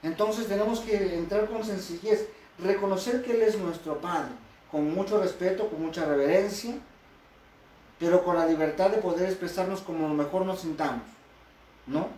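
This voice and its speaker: A man preaches a sermon and keeps turning to the congregation with questions. His voice is high for a man. He sounds distant from the mic, with room echo and a faint hiss behind him. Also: normal speed, mellow. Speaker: pastor. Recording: echoey hall from far off.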